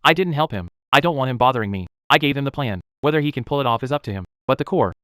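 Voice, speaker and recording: An actor playing a young, proud fruit tree breeder who talks steadily and bluntly in a dubbed drama. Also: male voice, mid-range voice, animated, racing, a bit bright, clean tone, no echo, clean studio sound, lightly acted. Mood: firm. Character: proud self-made durian grower, young man, calm and firm.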